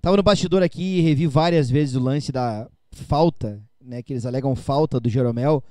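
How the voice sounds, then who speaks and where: A man's voice: medium pitch, brisk, warm tone, dry recording. A man hosting a live fan broadcast after a football match, chatty and opinionated. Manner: chatty, opinionated, tag questions. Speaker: fan channel host.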